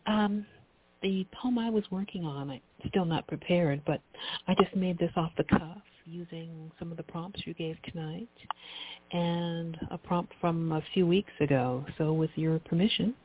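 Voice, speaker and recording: A woman calling in to a radio show over a phone line, polite and gently hesitant, about to share a poem. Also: lowish voice, unhurried, breathy edge. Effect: heard over a phone line into a radio show. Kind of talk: call-in chat, reading a poem.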